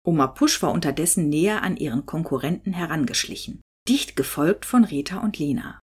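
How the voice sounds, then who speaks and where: Lively woman narrating a story. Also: low voice, fairly quick, husky. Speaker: audiobook narrator. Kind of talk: scripted narration.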